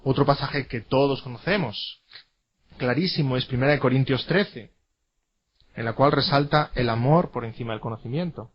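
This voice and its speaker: A man's voice: mid-range voice, moderate pace, breathy edge, dull audio. Emphatic man lecturing. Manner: emphatic, repeats key words, asks rhetorical questions. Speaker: teacher. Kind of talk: classroom lecture.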